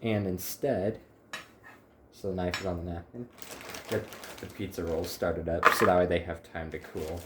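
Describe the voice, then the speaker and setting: A man's voice: sits low, fairly even intonation, moderate pace, long pauses, heavy background noise. A man chatting casually to the camera while cooking in his home kitchen, rambling with wry little asides. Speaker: home cook, channel host.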